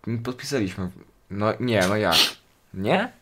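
A man's voice: fairly low pitch, a little slow, background noise. A man co-hosting a casual podcast, joking around, swearing freely and pleading for subscribers. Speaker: podcast co-host and channel owner.

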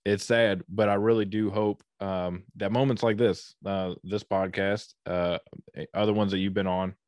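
Podcast host guy on a video call, low even voice, lots of um and uh. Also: no echo, clean studio sound. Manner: halting, many fillers and restarts. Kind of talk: casual interview over a video call.

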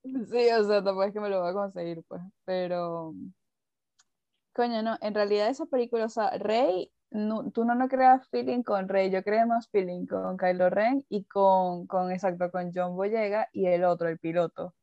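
A woman's voice: mid-range voice, fairly even intonation, moderate pace, warm tone, no room sound. A woman in casual podcast chat, exclamatory and often trailing off while she hunts for words. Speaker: podcast co-host. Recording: dull, dry lo-fi sound.

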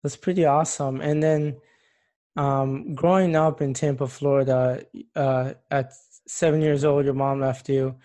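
Mellow-voiced male interviewer. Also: medium pitch, fairly even intonation, measured pace. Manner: short prompting questions. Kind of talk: personal interview.

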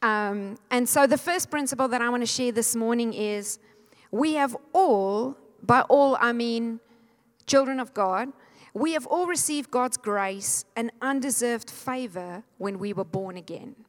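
A woman's voice: on the high side, measured pace. Fervent woman preaching. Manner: fervent, exhorting, leads the congregation in call and response. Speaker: pastor. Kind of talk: sermon. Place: church sanctuary. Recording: long hall reverb.

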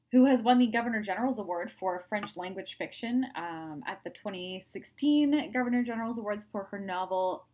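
Upbeat woman cohost on a book podcast, voice bounces all over, agrees a lot. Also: mid-range voice. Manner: upbeat, agreeable, lively intonation. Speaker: podcast co-host; writer. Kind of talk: casual chat.

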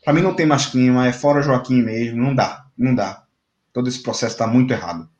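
A man's voice: mid-range voice, fast talker, darkish tone, reverberant, highs cut off. A man, talking as a football commentator on a fan debate show, emphatic and indignant, often repeating words.

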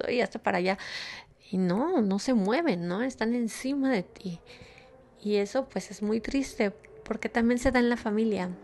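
A woman's voice: medium pitch, darkish tone. A woman from Mexico with a Mexican Spanish accent, speaking in a casual, rambling monologue to listeners, with many fillers and frequent small laughs.

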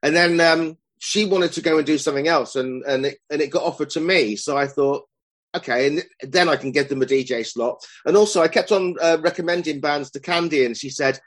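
A man's voice: on the high side, brisk, fairly bright tone. A man in his fifties chatting as a guest, rambling and self-deprecating as he recalls running club nights. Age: 50s. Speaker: guest, club promoter and songwriter. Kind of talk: casual chat.

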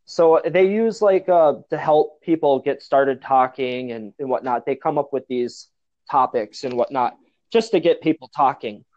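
A man's voice: medium pitch, unhurried, darkish tone. An American man chatting casually in a blunt, enthusiastic and emphatic way. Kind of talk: casual chat. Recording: dull lo-fi app call audio.

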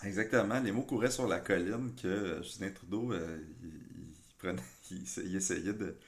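A man's voice: sits low, moderate pace. A man with a Québécois accent who is a political columnist, speaking in a casual panel discussion and often stopping for fillers and restarts. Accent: Québécois French. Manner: hesitant, many fillers and restarts.

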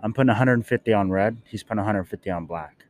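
A man's voice: lowish voice, fast talker, darkish tone, slight background noise. A man co-hosting a casual podcast at an airport gate, laid-back, slangy and profane. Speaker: podcast co-host. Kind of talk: casual chat.

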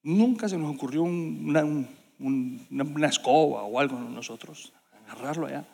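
A man with a high voice tells a story from the pulpit, animated and full of sound effects. His voice rings out in a church hall with a long reverb. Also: moderate pace, gravelly, breathy edge. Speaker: preacher. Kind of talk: sermon storytelling.

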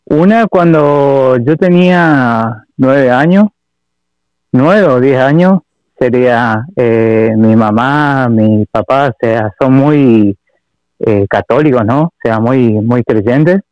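A man's voice: medium pitch, smooth, dry recording. A man with an Argentine Spanish accent calls in to recount a personal story, stopping often and repeating himself. His voice comes over a dull, muffled phone line with no room sound. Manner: halting, full of fillers and repeats. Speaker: caller. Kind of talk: telling a personal story on a call-in show.

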